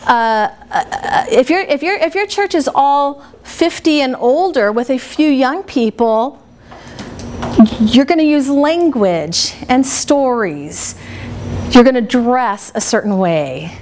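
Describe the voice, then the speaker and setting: A high-pitched woman with a big voice runs a workshop for a small group in a meeting room, no microphone. As a speaker trainer she's chatty, lively and quick to laugh.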